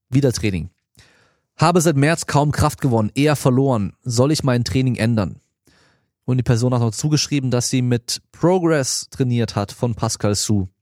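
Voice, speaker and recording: A man's voice: mid-range voice, darkish tone, dry recording. Casual man in his thirties, dry sound. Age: 30s. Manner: loose, colloquial, answers listener questions directly. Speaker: podcast host and strength coach. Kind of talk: casual podcast Q&A.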